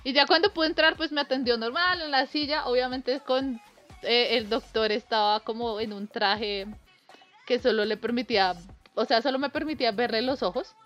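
A woman's voice: a little high, moderate pace, fairly bright tone, muffled recording, faint music behind. A young woman telling a casual anecdote, acting out the voices she quotes and laughing often. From Colombia. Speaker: storyteller.

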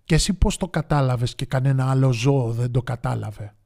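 A man voicing a commanding male lion, the king of the forest, booming orders and questioning the other animals. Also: vocal fry, a little mellow, close to an everyday voice. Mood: probing.

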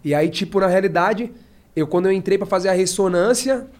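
A man, a podcast guest telling stories in a slangy, animated way. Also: high-pitched, fairly quick. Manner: slangy and animated, acts out his own past shouts. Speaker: podcast guest, professional fighter. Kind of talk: casual storytelling.

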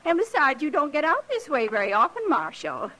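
A timid frontier wife. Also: female voice, sits high, big pitch swings, fairly quick, pushed and bright, heavily acted, low-quality recording. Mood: welcoming. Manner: hospitable, then pleading. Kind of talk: 1950s radio drama acting.

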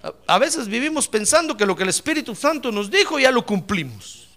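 Fervent, bright-voiced male preacher. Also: extremely high pitch, big pitch swings, fairly quick. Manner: fervent, emphatic, calls the listener "hermano". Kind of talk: sermon with testimony.

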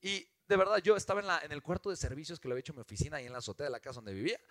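A man with a Mexican accent giving an animated, emphatic motivational talk as a business mentor, often asking rhetorical questions. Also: fairly high pitch, rapid-fire, no room sound. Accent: Mexican Spanish.

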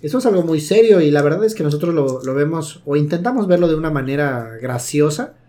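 Thoughtful podcast host. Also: male voice, fairly high pitch, expressive, warm tone. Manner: reflective, measured wrap-up. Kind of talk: casual podcast talk.

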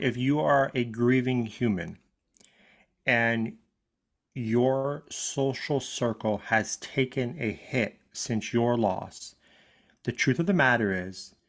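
A man in his thirties co-hosting a podcast, candid and swearing casually, stretching words for emphasis. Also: medium pitch. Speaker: podcast co-host. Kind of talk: casual grief podcast chat.

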